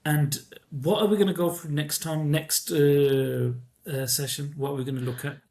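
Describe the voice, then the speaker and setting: A man's voice: on the high side, fairly even intonation, normal speed, a little mellow. A man hosting a podcast, asking his guest questions in a casual way. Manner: conversational, prompts the guest with questions. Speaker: podcast host.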